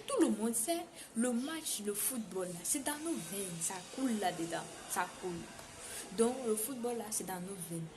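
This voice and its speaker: A woman from Cameroon with a Cameroonian French accent, telling a casual story to her viewers in an animated way and repeating words for emphasis. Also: medium pitch. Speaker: vlogger. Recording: noisy background hiss.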